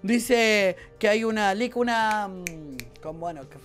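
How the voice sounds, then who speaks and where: A man's voice: high-pitched, animated, slow, fairly bright tone, faint music behind. A young man with a Rioplatense Spanish accent, giving chatty, playful commentary on a game as he plays it and reacting aloud to what happens. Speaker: gaming YouTuber. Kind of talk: let's-play game commentary.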